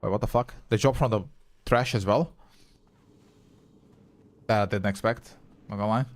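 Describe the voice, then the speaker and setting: This young man, whose first language is Croatian, streams a game in a lowish, steady voice at a moderate pace. He's chatty with his audience, reading and replying to chat, with casual swearing mixed in.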